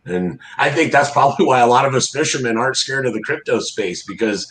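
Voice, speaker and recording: A man's voice: medium pitch, fairly quick, fairly bright tone, slight background noise. A middle-aged man chatting casually as an interview guest, plain-spoken and folksy in a laid-back way. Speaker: interview guest, crab fisherman. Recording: roomy, echoey sound.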